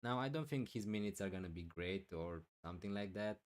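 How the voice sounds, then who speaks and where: Live on stream, a man who covers fantasy football answers questions from chat in a loud, low voice with lively intonation and a fairly quick pace. He thinks out loud, using lots of fillers, and clears his throat as his voice gives out.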